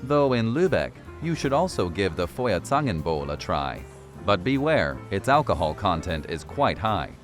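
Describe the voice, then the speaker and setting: A man's voice: low-pitched, very animated, moderate pace. A man reading scripted narration as a voice-over for a travel documentary. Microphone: studio voice-over. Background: background music.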